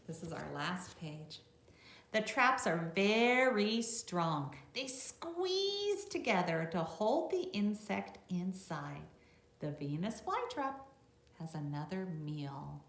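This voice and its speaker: Reading slowly in a fairly low, slightly bright, very animated voice, a middle-aged woman teacher shares a picture book with young kids, adding asides that teach and little check-in questions. The indoor classroom recording carries roomy echo and faint background noise.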